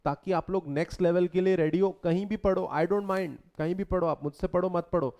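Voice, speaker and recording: A man's voice: high-pitched, fairly even intonation, fairly quick, a little mellow. A man teaching a lecture in a conversational way, often quizzing his students with questions. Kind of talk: lecture mixing Hindi and English.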